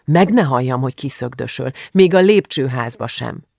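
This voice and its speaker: A reader voicing a worried, stern mother in an audiobook, speaking firmly and low. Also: animated, vocal fry, a little mellow, no room sound, clean studio sound.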